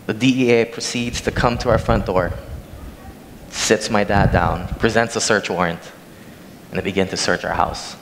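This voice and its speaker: A young man from Hawaii delivers a sermon in a big sanctuary, his lowish voice moderately paced and fairly even in intonation. He reads scripture, then recounts a personal story conversationally while walking the stage with a handheld mic, recorded from a far camera with long hall reverb and slight noise.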